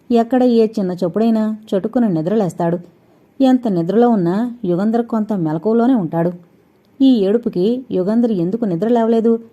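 A woman narrating a suspense novel as an audiobook, reading in a steady, measured way with quiet dramatic pauses. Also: mid-range voice. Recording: dull, lo-fi recording.

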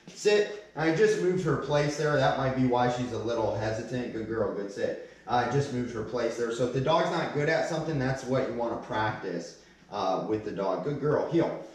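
A man's voice: fairly low pitch, a little mellow. A man in his thirties working as a dog trainer, giving a casual demonstration with short, firm commands and praise for the dog. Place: indoors, hard-floored living room. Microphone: distant fixed camera. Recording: echoey room, far from the microphone.

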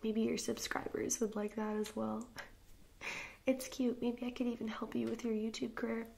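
Young woman doing a snooty party girl in an ASMR role-play, snippy and fake sweet, highish with vocal fry. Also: flat delivery, moderate pace, darkish tone, slight background noise. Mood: smug, patronising. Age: young adult. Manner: mock-sweet, snippy, condescending. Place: small indoor room, seated before camera.

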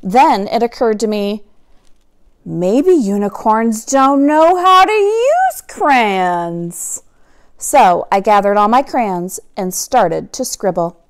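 Reading a picture book to children, a female teacher brings it vividly to life, dramatic and expressive, drawing out the important words. Her voice sits on the high side.

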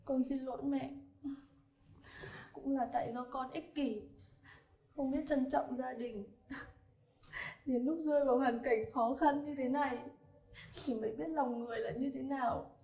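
An actress playing a young mother and daughter-in-law, speaking softly and apologetically. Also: high-pitched, fairly even intonation, unhurried, long pauses. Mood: remorseful. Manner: soft, apologetic. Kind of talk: web drama acting. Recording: echoey room with faint music.

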